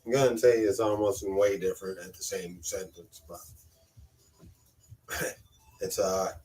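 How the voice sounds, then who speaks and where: A man's voice: low-pitched, steady tone, a little slow, a little mellow, a little hiss or hum. A man hosting a live cooking stream from his kitchen, chatting casually, swearing offhandedly and talking to his cat. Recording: voice a bit distant from the mic.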